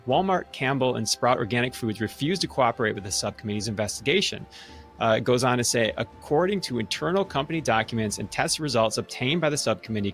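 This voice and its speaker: A man's voice: medium pitch, a bit bright. A man talks through a report, reading out passages and adding his own remarks. He sounds conversational and hesitant, with many fillers, and faint music sits behind him. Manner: conversational, many uhs and ums. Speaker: commentator.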